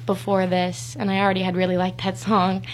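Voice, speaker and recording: A woman's voice: mid-range voice, monotone, brisk, a little hiss or hum, low-quality recording. Bubbly young woman talking casually. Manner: bubbly, uses fillers like "like". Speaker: cast member. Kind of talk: casual interview.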